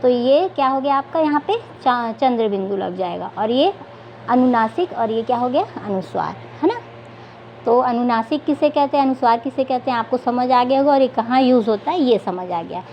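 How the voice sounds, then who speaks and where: A woman with a high voice teaches young children to read, putting a question to them and then answering it herself. She draws words out slowly when she reads them aloud. The recording sounds dull and lo-fi, with a faint hiss behind her. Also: animated. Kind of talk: Hindi reading lesson for young children.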